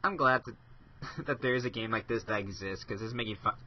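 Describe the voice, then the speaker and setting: A man with a fairly low voice talks fairly quickly while co-hosting a casual gaming podcast, laid-back and amused in manner. It's casual chat, recorded on a dull, lo-fi podcast mic.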